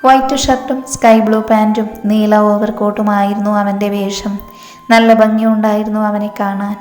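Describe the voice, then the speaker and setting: A woman's voice: mid-range voice, little pitch movement, moderate pace, darkish tone. Woman narrating a story in an echoey room. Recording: echoey room, long reverb, faint music.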